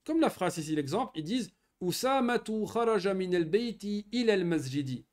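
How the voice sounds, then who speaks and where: A man's voice: high-pitched, fairly quick. A man from Morocco teaching an online Arabic grammar lesson to children, explaining patiently and often checking that they follow. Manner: patient, lively explanations with frequent checking questions.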